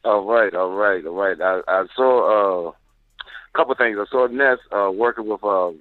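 A man with a lowish voice calls in over the phone, sounding tinny and dry through the line. He talks casually, circling back to the same points with firm opinions. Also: measured pace, no room sound. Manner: relaxed, repetitive, fired-up opinions. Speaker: call-in caller. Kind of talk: casual boxing opinion call.

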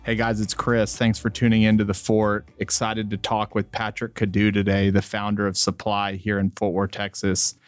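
A man's voice: lowish voice, completely flat delivery, moderate pace, few pauses. A man hosting an interview podcast. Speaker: podcast host.

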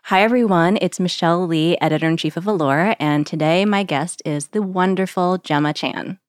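A woman's voice: on the low side, moderate pace, dry recording, studio quality. A woman hosting a casual interview podcast, chatty and enthusiastic, peppering her talk with "like.". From Connecticut, USA. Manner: chatty, enthusiastic, uses "like" a lot. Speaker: podcast host, magazine editor.

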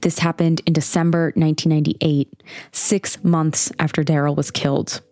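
A woman hosting a podcast, reading scripted true-crime narration in a measured, explanatory way. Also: low-pitched, level tone, darkish tone, soft background music.

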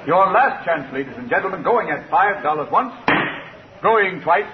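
An actor playing a flattering, theatrical auctioneer with showy patter in an old radio drama. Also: male voice, high voice, moderate pace, very noisy. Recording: muffled, roomy old radio recording. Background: loud crowd.

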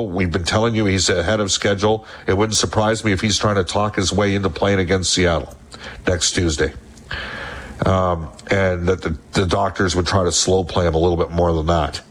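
A man hosting sports talk radio in a conversational, opinionated way. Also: deep voice. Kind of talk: sports radio commentary with sponsor reads.

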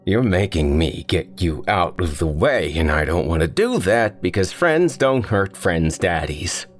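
A man voicing a masked male killer who sounds like an excited child, high-pitched yet gravelly, with a singsong repetitive manner. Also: unhurried, soft background music. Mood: menacing. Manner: singsong, repeats words.

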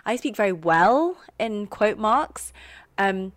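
A woman's voice: medium pitch, lively intonation, takes it slowly, dry recording. A young woman from London with a received pronunciation accent, chatting animatedly as a podcast guest. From England. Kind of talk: casual chat.

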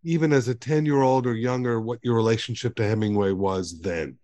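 A man hosts a book podcast, leading his guest with eager, well-framed questions. His voice sits at a plain middle pitch and the recording is dry, with no room sound around it. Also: a little fast, mellow, no echo. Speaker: podcast host. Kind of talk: interview hosting.

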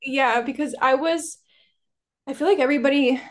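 A young woman guesting on a podcast, her voice quite high. She tells animated stories in easy casual chat and laughs between them. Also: moderate pace.

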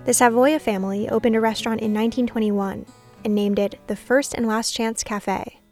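A woman hosting a podcast, narrating a scripted documentary story in a measured way. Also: a little high, fairly even intonation, mellow, faint music behind. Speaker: podcast host.

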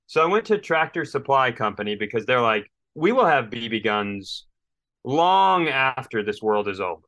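With big pitch swings and a fairly bright tone, the man's medium-pitched voice moves at a moderate pace. He's an American from Minnesota co-hosting a comedy podcast, casually telling stories, ranting with comic exasperation and performing quotes, with no room sound.

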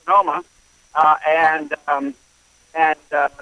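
A man's voice: on the high side, fairly even intonation, dry recording. A man calling in to a talk show with a rambling question, his phone line breaking up and cutting out. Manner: halting, rambling. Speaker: caller. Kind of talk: call-in question.

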